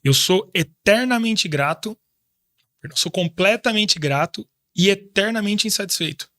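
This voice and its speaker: A man's voice: sits high, expressive, normal speed, bright, forceful tone, no room sound, studio quality. Reflective Brazilian man in his thirties. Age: 30s. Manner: reflective, faith-driven, hesitant restarts. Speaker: guest. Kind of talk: casual interview chat. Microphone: studio microphone.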